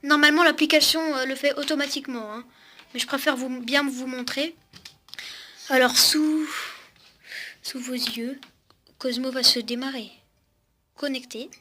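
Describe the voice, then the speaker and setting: A young woman vlogger with a high, sharp voice casually demos a toy robot at home, a cat on her lap, chatting with the robot and her viewers. Her intonation stays fairly even and she speaks unhurriedly, pausing often. The home recording is noisy.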